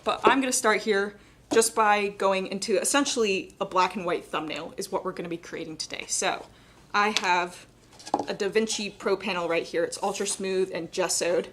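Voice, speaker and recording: A woman's voice: medium pitch, fairly even intonation, moderate pace, background noise. A young adult woman with a slightly cracking voice, teaching a live painting demonstration in a casual, chatty way. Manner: casual, chatty explaining with many "like" and "kind of". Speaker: painting instructor.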